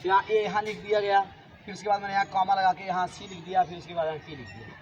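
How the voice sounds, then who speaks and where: A man's voice: sits high, steady tone, fast, dull audio, slight background noise. A man teaching a classroom grammar lesson, repeating points and asking his students questions. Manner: repetitive, asks students questions.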